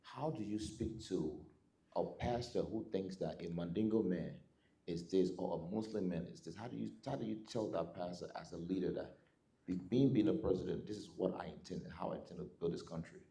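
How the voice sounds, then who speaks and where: Deep-voiced male interview host. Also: a little fast, vocal fry, mellow. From Liberia. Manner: rambling, hesitant with fillers. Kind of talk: interview questions.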